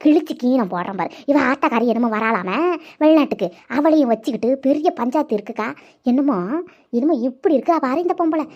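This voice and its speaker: Woman doing a gossipy blunt cartoon sister, quick talker, muffled audio. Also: sits high, expressive. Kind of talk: cartoon voice acting. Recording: dull lo-fi audio.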